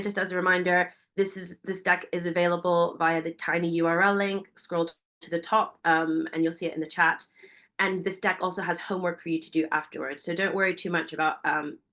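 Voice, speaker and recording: A woman, a founder giving a fast, enthusiastic webinar presentation and asking her audience many questions. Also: lowish voice, little pitch movement, a bit bright. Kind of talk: energetic business presentation.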